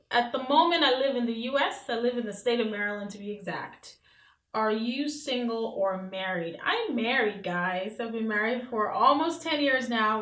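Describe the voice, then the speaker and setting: Woman in her thirties, from Nigeria, casual chatty vlog, higher voice, echoey room. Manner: chatty, warm-hearted asides, reads questions off her phone. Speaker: beauty vlogger. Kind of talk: casual Q&A to camera. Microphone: camera mic, reading from phone.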